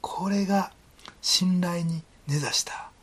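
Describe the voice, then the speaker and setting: A man's voice: sits high, slow, breathy edge. A male pastor with a Kansai accent, preaching a sermon in an earnest, conversational way and often dropping into a whisper. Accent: Kansai Japanese.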